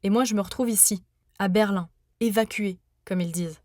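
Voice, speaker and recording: A young woman from France narrating her own podcast in an earnest, measured, personal way. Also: mid-range voice, a little mellow, no echo, clean studio sound. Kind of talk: scripted first-person narration.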